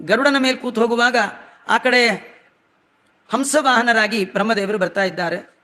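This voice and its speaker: A man with a strikingly high voice gives a devotional storytelling discourse. He slows down to chant scripture verses, then drops back into homely, chatty asides. A long reverb trails every phrase, as in a large hall. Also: fairly even intonation, bright, forceful tone. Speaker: religious discourse speaker.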